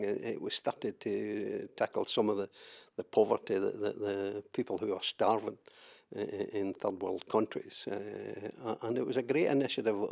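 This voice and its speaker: A lowish, gravelly, slightly mellow male voice belongs to an older trade unionist from southwest Scotland. He recalls his life in an oral history interview, speaking hesitantly with lots of fillers and repeated words.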